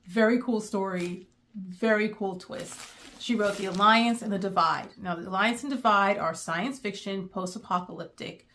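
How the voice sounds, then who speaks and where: A middle-aged woman, chatting in a rambling way with many pauses, going emotional at times. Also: medium pitch, a bit bright, slight background noise. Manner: emotional, near tears. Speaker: book vlogger. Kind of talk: casual chat.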